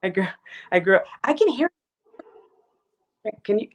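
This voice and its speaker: A woman author being interviewed over a laptop video call, her audio glitching and cutting in and out as she speaks in halting, restarted phrases. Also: mid-range voice, very animated. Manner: halting, restarts mid-sentence. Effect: glitching audio that cuts in and out. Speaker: author guest. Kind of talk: livestreamed book talk interview.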